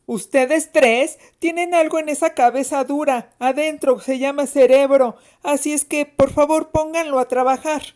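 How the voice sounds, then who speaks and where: A woman's voice: sits high, fairly even intonation, normal speed, few pauses, a little mellow, pitched above the performer's own voice, close to an everyday voice. A woman voicing a taunting, bossy older sister who teases her younger siblings and mimics a strict teacher, in a told story.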